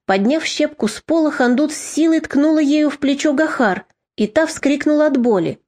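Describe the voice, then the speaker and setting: A woman narrating an audiobook in a steady, measured reading. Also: high voice.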